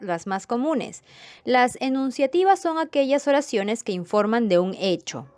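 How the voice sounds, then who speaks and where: In clean, echo-free studio sound, a woman with a fairly high, darkish voice teaches viewers a grammar lesson. She is patient, repeating points and checking their understanding as she goes, and signs off to them in a friendly way.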